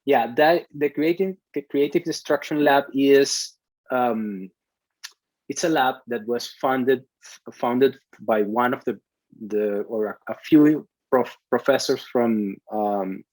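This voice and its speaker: A man from Venezuela in his thirties, a CTO answering interview questions in a halting way, full of restarts and fillers. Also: medium pitch, darkish tone, no echo, poor audio. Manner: hesitant, many restarts and fillers. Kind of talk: conversational interview.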